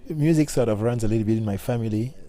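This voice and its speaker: A middle-aged man from Cameroon, a bassist talking casually in an interview with many halting restarts. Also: mellow. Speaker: guest bassist.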